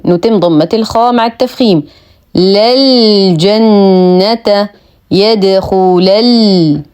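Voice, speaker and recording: A woman teaching Quran recitation rules, explaining each rule and then reciting words slowly and precisely. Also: mid-range voice, warm tone. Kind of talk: tajweed lesson, explaining rules between slow recited words.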